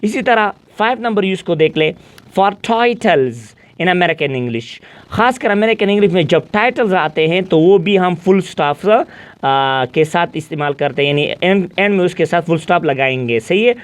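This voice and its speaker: A man teaching an English grammar lesson in a mixed Hindi-Urdu and English speech. He reads his English examples out slowly and keeps checking back with the class. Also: high-pitched, animated. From Pakistan. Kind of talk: classroom lecture.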